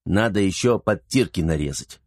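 Guy doing a joking bossy young man in an audiobook, low voice, dry sound. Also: lively intonation, moderate pace, a little mellow, no room sound. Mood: stern. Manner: joking, then stern. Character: witty commanding young man, castle schemer.

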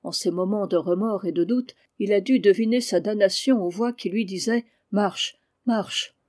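A reader of an audiobook voicing a small, emphatic male lawyer who spins ghost lore in a mellow voice. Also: mid-range voice, normal speed, lightly acted. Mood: insinuating. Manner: emphatic, vague, teasing storyteller.

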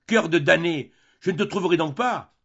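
A man's voice: medium pitch, lively intonation, moderate pace, slightly rough, highs cut off. A man voicing a desperate male prisoner who speaks in an earnest, pleading way. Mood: frenzied.

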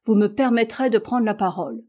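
A woman's voice: mid-range voice, normal speed, a little mellow, close to an everyday voice. A woman voicing a placating, kindly doctor. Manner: placating, reasonable. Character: conciliatory kindly ship's doctor, man.

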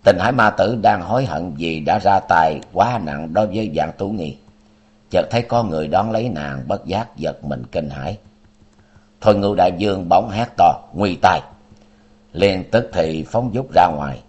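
A man's voice: low-pitched, expressive, normal speed, a little mellow, breathy edge. A man narrating a martial-arts novel as an audiobook with dramatic storytelling.

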